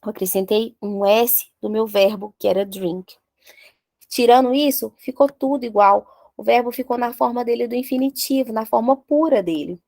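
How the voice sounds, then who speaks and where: A woman's voice: fairly high pitch, a little mellow, no room sound. A woman with a Brazilian Portuguese accent teaching an English grammar lesson, joking around and drilling verb forms one by one. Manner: playful, jokey, drills conjugations slowly one by one.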